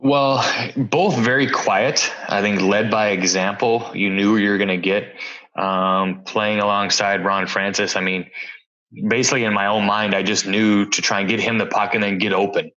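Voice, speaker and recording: A former pro hockey player in his forties, appearing as a podcast guest, tells easygoing stories in a fairly low, steady voice at a moderate pace. His tone is a bit bright and the sound lo-fi; he reminisces in a relaxed interview style and chuckles between anecdotes.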